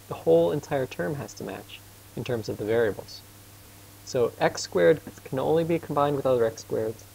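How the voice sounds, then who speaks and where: Guy tutoring math, gravelly, patient and casual, bit of hum behind. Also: mid-range voice, a little mellow, rough recording. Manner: casual and patient, quizzes his student, admits he talks fast. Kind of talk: informal tutoring lesson.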